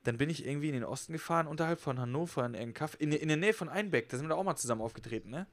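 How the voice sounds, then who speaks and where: Fast chatty young guy on a podcast, slangy, rambling stories. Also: on the high side. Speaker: podcast co-host. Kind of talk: casual podcast chat.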